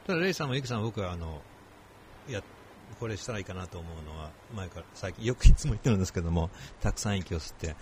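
A man's voice: sits low, animated, darkish tone, a little hiss or hum. A man coaching on spoken English in casual chat, dropping in English phrases. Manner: quick, mixes in English phrases. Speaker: co-host and English speaking coach.

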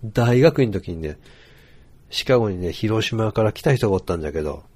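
A man speaking with a Hiroshima dialect in a relaxed, rambling casual monologue, full of fillers. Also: fairly low pitch, a little fast, a little hiss or hum.

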